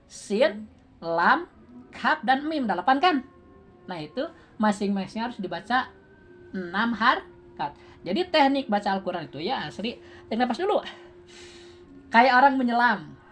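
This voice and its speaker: A woman with a Sundanese-tinged Indonesian accent teaching Quran recitation in a classroom lesson. She quizzes her students, counts out beats aloud and laughs often. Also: a little high.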